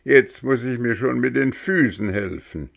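A man's voice: medium pitch, slow, vocal fry, pitched above the performer's own voice. A man voicing an impatient, shivering wooden puppet boy who pleads urgently in a storybook reading. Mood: pleading.

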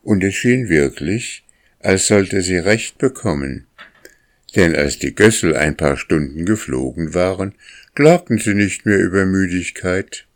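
A man narrating a children's storybook in a calm, measured reading. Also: deep voice.

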